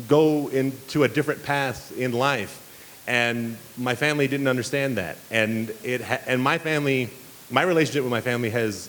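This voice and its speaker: A man giving an earnest speech to students at a banquet, with many fillers and restarts. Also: mid-range voice. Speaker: banquet speaker. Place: banquet hall. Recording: reverberant hall with faint hiss.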